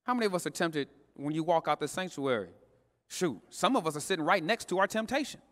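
A man's voice: on the high side, big pitch swings, fast, fairly bright tone. A male pastor preaching a live sermon, talking straight to his congregation in a casual, slangy way. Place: church sanctuary. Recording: long reverb of a church hall.

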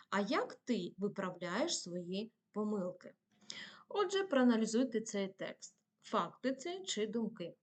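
A woman's voice: on the high side, a little mellow. A woman teacher giving a patient video lesson to primary pupils, asking questions and answering them herself.

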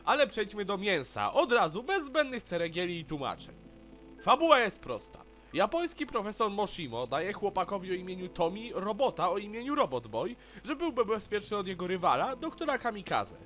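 A man's voice: sits high, sing-song, brisk, a bit bright, faint music behind. A man narrating a casual video review of a cartoon, frank and opinionated in a chatty way.

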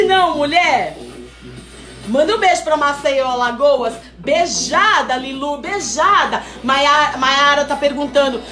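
A woman hosting a live stream sale, chatting and teasing as she reads out viewer comments. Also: sits high. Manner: lively, chatty and teasing, calls viewers "mulher". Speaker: host selling wigs on a live stream. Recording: echoey room with faint music. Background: faint background music.

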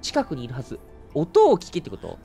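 Chatty game streamer. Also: male voice, mid-range voice, wildly swooping pitch, a little fast, creaky, warm tone, faint music behind. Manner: chatty, exclaims and mutters at the game. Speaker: let's play streamer. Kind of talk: casual game commentary.

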